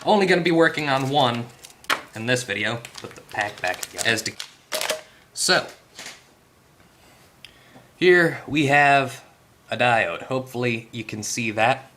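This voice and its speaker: A man's medium-pitched, lively voice comes through an unhurried delivery full of long pauses, against a noisy background. He's the host of an electronics repair tutorial, working hands-on and explaining off the cuff in a casual way, thinking aloud and correcting himself.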